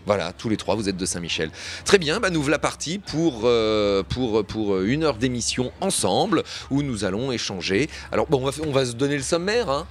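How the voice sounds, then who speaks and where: A man's voice: mid-range voice, sing-song, normal speed, slight background noise. A man hosting a live community radio show outdoors at a neighbourhood fête, chatty and rambling, with lots of fillers. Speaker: radio host. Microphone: radio studio mic set up outdoors.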